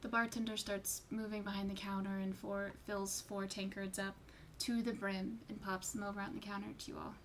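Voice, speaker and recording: A woman's voice: medium pitch, level tone, brisk, slight background noise. A woman game master narrating a tabletop game in a loose, chatty way with plenty of fillers.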